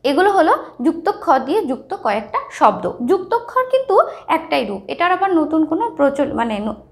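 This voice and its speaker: A woman's voice: high voice, sing-song, fast. A woman teaching a lesson, explaining step by step and checking often with the listener. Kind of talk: lesson on writing and pronunciation.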